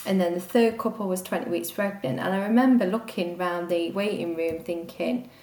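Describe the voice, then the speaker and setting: Gravelly-voiced woman, conversational. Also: fairly low pitch, steady tone, moderate pace, darkish tone, echoey room. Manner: rambling, conversational, with many fillers. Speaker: guest sharing a personal story. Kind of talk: candid personal conversation.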